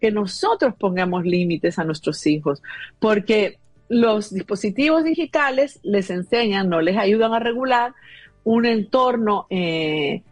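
A woman's voice: mid-range voice, expressive, a little slow, no room sound, faint music behind. A woman in her fifties talking as a guest about parenting, explaining earnestly with many fillers. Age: 50s. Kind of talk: conversational advice talk.

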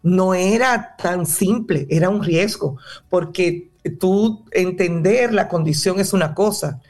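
A woman's voice: on the low side, slow, a little mellow. A woman theater director and drama teacher answering interview questions in a passionate, explanatory way.

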